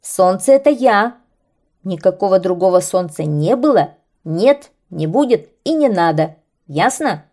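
A woman's voice: fairly low pitch, lively intonation, unhurried, warm tone. A woman voicing a boastful, grumbling male paper kite in a children's story.

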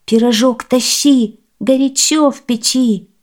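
Woman doing a lively storybook boy, eager and loud. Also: sits high, slow pace, pitched above the performer's own voice. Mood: urgent. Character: eager little boy, later crying from the oven.

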